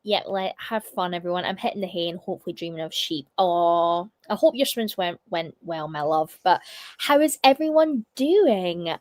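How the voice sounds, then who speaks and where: A young woman hosting a casual livestream, chatty and full of fillers, her voice still a little croaky from a cough. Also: on the low side, animated, normal speed, dry recording. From United Kingdom. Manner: chatty, reads chat comments aloud, many fillers. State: slightly croaky from a lingering cough. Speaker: livestream host.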